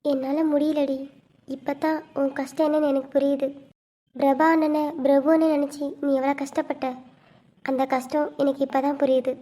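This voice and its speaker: A woman voicing a gentle young pregnant wife in a cartoon, speaking softly and plaintively. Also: high-pitched, little pitch movement, moderate pace, natural voice. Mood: sad. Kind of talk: cartoon web series voice acting.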